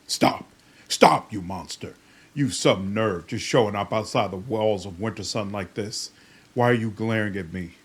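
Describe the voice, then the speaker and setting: A man voicing a hostile warrior guard in a fantasy game, forceful, indignant and accusing. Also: medium pitch, normal speed, husky, voice pushed up, close to an everyday voice. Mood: outraged.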